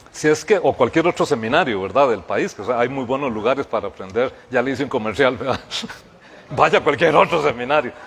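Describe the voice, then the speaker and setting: A man preaching, rising to emphatic shouts and then dropping to quiet, careful explanation. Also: fairly high pitch. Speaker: pastor. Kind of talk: sermon. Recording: hall reverb.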